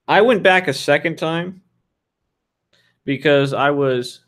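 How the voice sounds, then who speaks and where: A man's voice: on the high side, takes it slowly, fairly bright tone. Frank rambling man in his thirties. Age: 30s. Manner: loose, rambling, frank with fillers. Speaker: developer answering viewer questions. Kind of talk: casual livestream Q&A.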